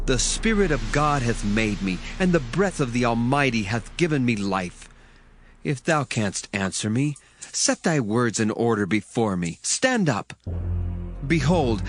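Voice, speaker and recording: Elihu, earnest young man with animated oratory. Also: medium pitch. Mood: solemn appeal. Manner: oratorical, emphatic, archaic formal phrasing. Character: earnest young man Elihu, indignant biblical speaker rebuking his elders. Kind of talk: dramatized scripture reading, declamatory.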